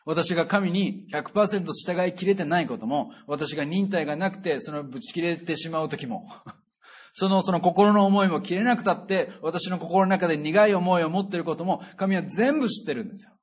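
A pastor preaching a sermon in a conversational, earnest way, with emphatic sentence endings. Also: male voice, a little high, brisk, slightly rough. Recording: dull lo-fi recording.

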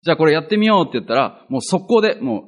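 Male pastor, conversational sermon, higher voice, very animated, earnest, self-deprecating. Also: racing. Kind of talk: conversational Bible teaching.

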